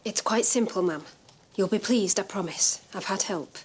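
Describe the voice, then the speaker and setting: An actress playing an eager, humble young former housemaid, deferential. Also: female voice, medium pitch, moderate pace, noisy background, natural voice.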